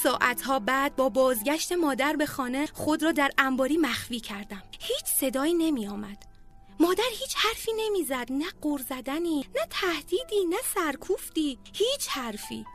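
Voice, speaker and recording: A woman with a high voice reads a personal memoir in a heartfelt, measured way. Soft music plays faintly behind her as she tells the story. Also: lively intonation. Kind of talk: emotional memoir narration.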